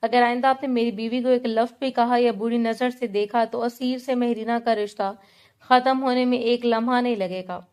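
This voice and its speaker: A woman's voice: a little high, fairly even intonation, darkish tone, clean tone, close to an everyday voice. A woman reading the part of a stern, cold young husband who speaks firmly in a storybook. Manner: cold, firm, clipped.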